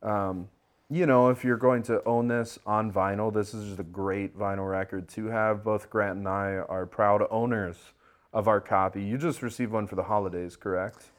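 A man with a somewhat low voice co-hosts a podcast. He chats casually and enthusiastically about a record, with frequent laughs between his points. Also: steady tone, moderate pace. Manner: enthusiastic, chatty, laughs often. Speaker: podcast co-host. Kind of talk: casual music review chat.

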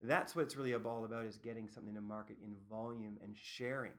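A man from Canada who is a product manager, answering interview questions in an animated, storytelling way. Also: lowish voice, fast talker. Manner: animated storyteller, acts out other people's lines.

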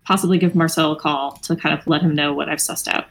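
A woman's voice: low-pitched, fairly even intonation, fast. A woman playing a tabletop role-playing game, describing her character's actions in a casual, playful way. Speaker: player.

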